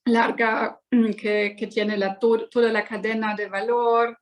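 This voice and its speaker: A woman from Germany with a German accent, speaking as a non-native guest on a webinar panel, haltingly searching for words. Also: fairly high pitch, little pitch movement. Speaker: guest politician, member of parliament.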